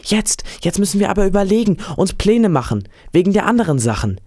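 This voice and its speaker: A man's voice: high voice, very animated, brisk, warm tone, pitched above the performer's own voice. A man reading a storybook aloud, voicing a loyal, tearful young fisher boy in a raised, earnest tone.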